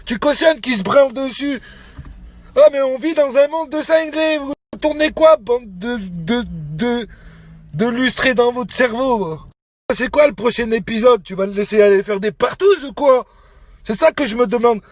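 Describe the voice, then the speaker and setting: A man with a strikingly high voice delivers a heated rant to his Snapchat followers. He is aggressive and threatening, and he throws out insults as he talks into his phone. The recording is dry, with no room sound. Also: lively intonation, moderate pace, no echo. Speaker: Snapchat vlogger.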